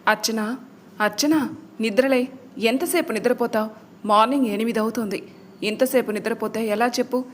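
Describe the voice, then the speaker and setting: A nagging middle-aged mother from an audio story, put on by a female narrator. She scolds loudly and fusses over the clock. The voice sits a little high. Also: normal speed, pauses often, a little hiss or hum, close to an everyday voice. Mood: scolding.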